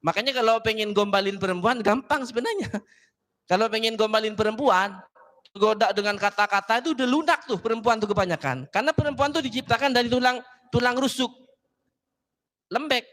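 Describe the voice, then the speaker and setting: High, bright-voiced preacher man in a hall. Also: brisk. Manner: joking, chatty, addresses audience directly. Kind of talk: casual sermon to women's gathering. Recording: long hall reverb.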